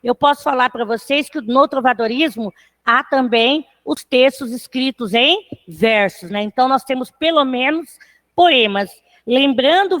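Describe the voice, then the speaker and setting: Lady teacher, high voice, keeps tacking on little check-in questions, counts syllables out loud. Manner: talks to students, with a tag question after most phrases; counts syllables aloud slowly. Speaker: literature teacher. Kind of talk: online class lecture.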